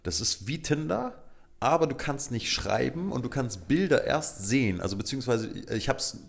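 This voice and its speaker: A man's voice: mid-range voice, lively intonation, moderate pace, vocal fry. A man co-hosting a casual chat podcast, joking and teasing his partner with playful asides. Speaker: podcast co-host.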